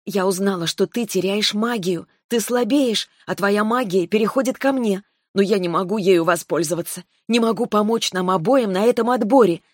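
A woman's voice: medium pitch, normal speed, few pauses, no echo, studio quality, lightly acted. A woman voicing a stubborn, defiant young heroine. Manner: defiant, sharp-tongued.

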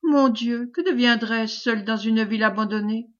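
Woman reading a crafty old woman putting on frantic pleading, high voice, lo-fi. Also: moderate pace, close to an everyday voice. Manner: pleading, theatrical. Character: scheming old woman feigning terror.

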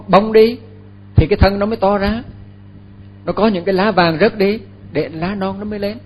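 An older Buddhist monk, giving a dharma talk. His voice sits fairly high for a man, and he speaks slowly, pausing and repeating words as he goes. A faint hum lies beneath his voice. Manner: unhurried, halting, with many fillers and repeated words.

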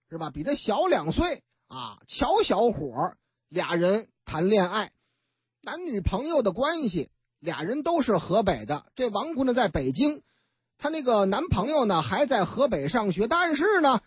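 Lady spinning news yarns on the radio, husky voice, bouncy pitch, dull lo-fi sound. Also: a little slow, no echo. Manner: chatty, colloquial, animated storytelling with asides. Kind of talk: storytelling news commentary.

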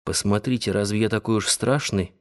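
A man reading the lines of a confident wealthy financier, speaking softly and persuasively. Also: on the low side, fairly even intonation, brisk, voice pushed down, natural voice. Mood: coaxing. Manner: soft, gently persuasive. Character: confident wealthy male financier, tender and coaxing.

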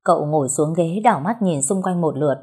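A woman narrating a dramatic folk tale with a steady, expressive delivery. Her voice is low in pitch. It has a husky, slightly breathy texture. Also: a little fast. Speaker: storyteller.

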